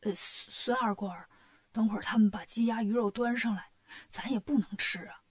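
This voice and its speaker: A woman voicing a timid, fretful monk in a children's story, speaking in a hushed, worried whisper. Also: on the high side, fairly even intonation, brisk, slightly rough.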